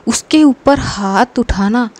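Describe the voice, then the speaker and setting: A woman's voice: a little high, slow pace, darkish tone. A woman voicing an amused, chatty young friend in a narrated story.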